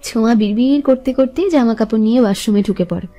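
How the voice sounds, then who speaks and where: A woman narrates a romance in a smooth, steady reading voice. Her tone is high and mellow. Soft music plays under the narration. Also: quick pace. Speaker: storyteller.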